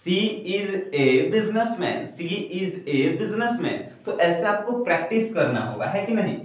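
A young man teaching at a whiteboard in his twenties. He speaks in a fairly high voice and at a very slow, drawn-out pace, repeating each example. The sound is very echoey and distant, picked up by a camera mic across a bare classroom. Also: big pitch swings. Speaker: spoken English teacher. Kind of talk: classroom lesson. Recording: very echoey room, heard from afar.

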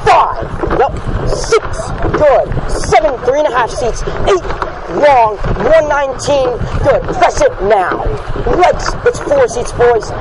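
A male coxswain with a very high voice drives his rowing crew with urgent, commanding calls. He spaces out short counts and repeated words, with lively swings in pitch. It is recorded outdoors on the water, with heavy noise behind him. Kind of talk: shouted race calls to a crew. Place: outdoors in a rowing boat on a lake. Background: loud boat and water noise.

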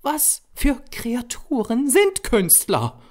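A man's voice: wildly swooping pitch, slow pace, exaggerated voice. A man doing a pert, scolding young woman. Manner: high, scolding and teasing. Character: young female artist's model, pert and scolding.

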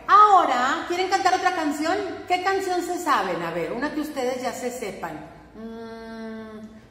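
A woman with a Mexican accent teaching preschoolers, singing and talking to them in an animated sing-song way. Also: high-pitched. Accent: Mexican Spanish. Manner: animated sing-song, speaking to small children. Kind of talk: singing lesson for young children. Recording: echoey room, long reverb, faint ambience.

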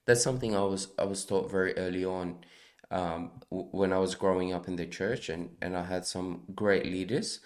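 Deep-voiced man, earnest and halting. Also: steady tone. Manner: earnest, halting, with many restarts. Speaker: podcast co-host. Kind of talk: casual faith discussion. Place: small studio, seated at a table. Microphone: desk microphone on a stand.

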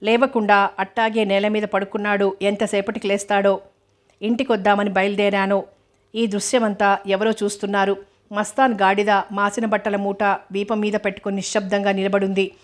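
Steady, even-toned woman narrating a novel. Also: medium pitch, normal speed. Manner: steady, even storytelling read. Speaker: audiobook narrator.

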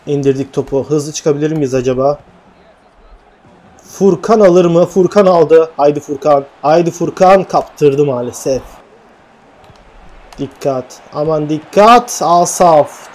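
Excitable high-voiced man commentating a football game. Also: unhurried. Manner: swings from calm narration to shouting at missed chances. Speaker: gaming YouTuber commentating his own match. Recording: faint game music behind.

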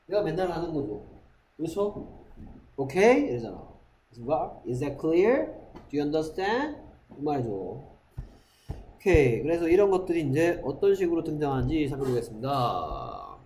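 A male English teacher, giving a classroom lecture and drilling English phrases slowly. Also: on the high side, wildly swooping pitch, slight background noise, poor audio. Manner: drills phrases slowly, acts out loud quarrels with students.

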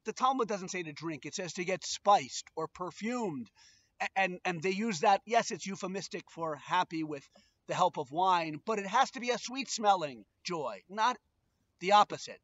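Male rabbi, middle-aged, Brooklyn accent, high voice, playful emphatic delivery, slightly muffled outdoor camera sound. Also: lively intonation, moderate pace, fairly bright tone. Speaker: rabbi and presenter. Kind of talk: informal video talk with religious teaching. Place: outdoors on a back porch.

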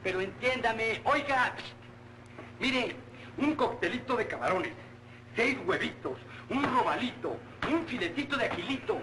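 An actor with a Mexican accent playing a cheeky, hungry young slacker, wheedling and fussy, in an old film comedy. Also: male voice, extremely high pitch, lively intonation, measured pace, pushed and bright, exaggerated voice. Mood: wheedling, mock-polite. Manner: wheedling, impudent, fussy with diminutives. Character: cheeky, hungry, lazy young cyclist working at a tailor's. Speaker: comic actor. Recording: roomy, noisy old film soundtrack.

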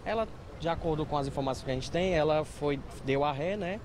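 Guy talking fast on the street, highish voice, loud traffic behind. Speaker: witness at the scene. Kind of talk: on-the-street interview answers. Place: city street outdoors.

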